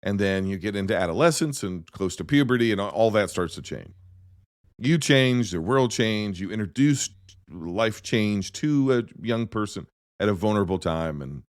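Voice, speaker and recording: A low-voiced man talks casually about films on a podcast. He rambles and restarts his sentences, jumping between stories and opinions. The sound is close and dry, with no room in it. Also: normal speed, dry recording. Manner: rambling, self-interrupting, animated storytelling. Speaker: podcast host. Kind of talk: casual movie chat.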